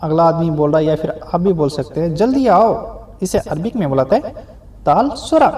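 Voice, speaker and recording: Lively-pitched man teaching phrases slowly. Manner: repeats each phrase slowly, then explains word by word; ends explanations with a rising "ठीक है?" check. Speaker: Arabic language teacher. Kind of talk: spoken language lesson.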